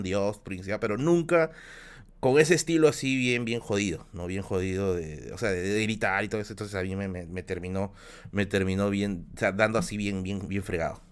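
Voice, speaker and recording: A man, a streamer telling stories in casual chat, rambling with many restarts while sick with a bad flu. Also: on the low side. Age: 30s. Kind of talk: casual storytelling on a live stream.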